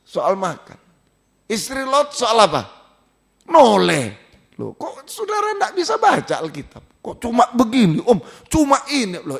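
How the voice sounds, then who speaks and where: An Indonesian pastor with a gravelly voice preaches a sermon, putting questions to the congregation and swinging between loud exclamations and low asides.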